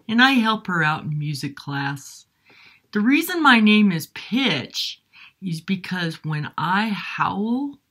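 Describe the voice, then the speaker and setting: A friendly, playful young wolf, put on by a woman for a children's music lesson. Her voice sits low and moves very slowly, yet it leaps around with lively swings. The tone stays bright and clear. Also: full character voice. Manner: playful, with howls. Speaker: music teacher's character. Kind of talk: puppet-style music lesson.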